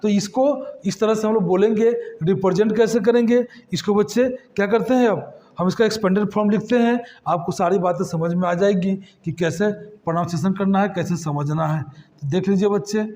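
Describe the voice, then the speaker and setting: Male math tutor, high voice, patient question-and-answer classroom delivery. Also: steady tone, a little fast, dark tone. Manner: addresses students as kids, asks and answers his own questions.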